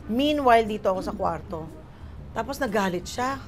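Animated woman guest telling stories. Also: medium pitch, moderate pace, faint music behind. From Philippines. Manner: animated, acts out quoted lines, mixes Tagalog and English. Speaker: guest actress. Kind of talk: casual storytelling chat.

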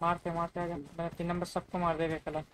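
A young man from India streaming a game, shouting urgent, excitable callouts to his teammates. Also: fairly high pitch, brisk. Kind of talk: live gaming voice chat. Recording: voice chat over loud gunfire.

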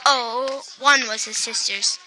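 Woman storybook reader, high and very bright voice, lively read-aloud with quiet speech tags. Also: takes it slowly, a little hiss or hum, poor audio. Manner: lively, lifts her voice for quoted characters and drops it for tags. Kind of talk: reading a children's picture book aloud.

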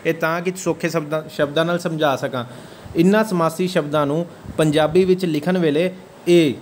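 A man teaching an exam-prep grammar lecture, asking his students again and again whether the point is clear. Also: on the high side, darkish tone, a little hiss or hum. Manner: checks understanding with repeated questions.

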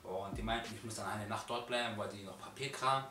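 Ein junger Mann erzählt als Vlogger aufgewühlt und in lockerem Slang, wie er angegriffen wurde, und zitiert dabei die Angreifer. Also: male voice, on the low side, fairly quick, distant mic. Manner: agitated slangy retelling, quoting his attackers. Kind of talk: casual storytelling. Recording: roomy, off-mic, with music behind.

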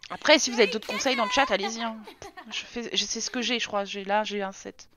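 A woman's voice: mid-range voice, fairly even intonation, quick pace, a crowd in the background. A young woman with a French accent, live-streaming a life-sim game and chatting casually with her viewers, teasing the game characters as she plays.

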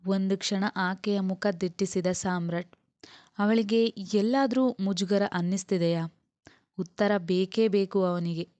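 A woman narrating a romance novel in steady, flowing scripted storytelling. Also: medium pitch, no echo. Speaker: audiobook narrator.

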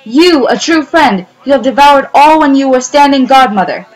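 A woman's voice: fairly quick, lightly acted, poor audio. A woman voicing an anxious, suspicious little female mouse in a storybook reading. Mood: accusing. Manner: high exclamations, anxious questioning.

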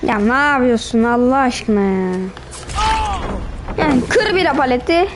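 High-voiced woman trash-talking while gaming. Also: animated, measured pace, slight background noise. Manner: trash-talking, teasing the other players. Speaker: gamer. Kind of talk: gameplay commentary.

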